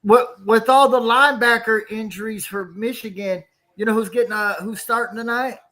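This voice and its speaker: A man's voice: sits high, steady tone, moderate pace, pushed and bright. A man guesting on a sports show, chatting casually in friendly slang.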